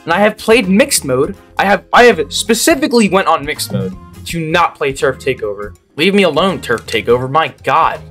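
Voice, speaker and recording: Exasperated young man ranting over gameplay. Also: on the high side. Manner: exasperated, ranting, bursts into loud disbelief. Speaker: gaming channel host. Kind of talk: gameplay commentary.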